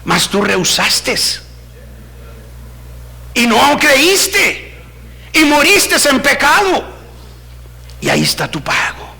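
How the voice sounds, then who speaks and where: A preacher voicing God, stern and grave. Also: male voice, very high voice, sing-song, slow, gravelly, long pauses, pushed and bright, pitched above the performer's own voice, exaggerated voice. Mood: solemn. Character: stern solemn God judging a lost soul.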